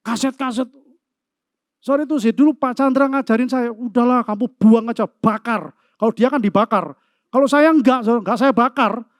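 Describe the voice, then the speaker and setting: A male pastor, preaching a sermon in a lively, joking way and acting out stories. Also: high-pitched, no room sound, clean studio sound.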